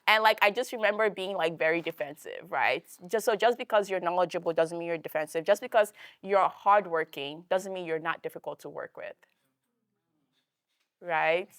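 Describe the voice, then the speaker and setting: Chatty young woman with a low voice. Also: normal speed, a bit bright, no room sound, clean studio sound. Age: young adult. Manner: chatty, many fillers and tag questions. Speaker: church workshop speaker. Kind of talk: casual church talk.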